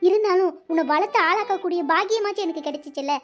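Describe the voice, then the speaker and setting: Very high-pitched anxious aunt. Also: female voice, quick pace. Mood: pleading. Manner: pleading, emotional. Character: anxious tearful middle-aged aunt raising her niece. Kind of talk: cartoon voice acting. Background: background music.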